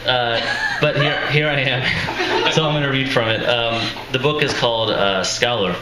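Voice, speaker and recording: An author speaks in a medium-pitched voice with fairly even intonation and a moderate pace, presenting his book at a live reading for an audience. He's laid-back and self-effacing, with chuckling asides, and his voice sounds tired and strained in the echoey, noisy room.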